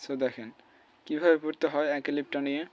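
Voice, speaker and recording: A man's voice: a little high, fairly even intonation, a little fast. A man, teaching a spoken lesson and spelling out letters and vowel marks syllable by syllable. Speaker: Quran recitation teacher.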